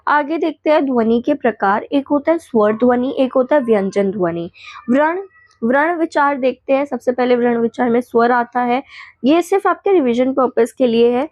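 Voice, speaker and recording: A woman teacher going quickly through exam revision points, listing definitions and checking in with the class as she goes. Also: high-pitched, lively intonation, no echo, dull audio.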